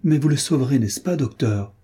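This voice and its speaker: A man's voice: lowish voice, normal speed, dark tone, husky. A man reading aloud voices a remorseful young woman who pleads earnestly and with feeling. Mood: fervent. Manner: emotional, imploring.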